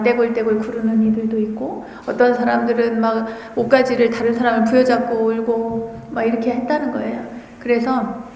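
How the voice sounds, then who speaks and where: Buddhist nun preaching in an echoing hall. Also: female voice, on the high side, a little mellow. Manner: storytelling, checks in with the audience by asking questions. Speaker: Buddhist nun giving a dharma talk. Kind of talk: sermon. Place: large temple dharma hall. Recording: echoey hall with long reverb.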